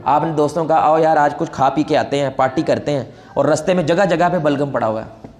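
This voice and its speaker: Pakistani preacher guy, high voice, lively sermon, roomy echo. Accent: Pakistani Urdu. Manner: animated, asks the audience questions, mixes in Punjabi quotes.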